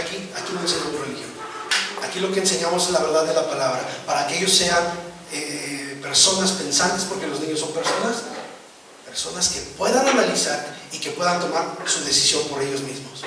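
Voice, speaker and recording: A male pastor with a high voice delivers a sermon, stressing points and checking in with his listeners. He sounds far from the mic in a very echoey church hall. Steady room noise sits under him. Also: a little fast. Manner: preaching with rising emphasis and frequent "¿verdad?" asides.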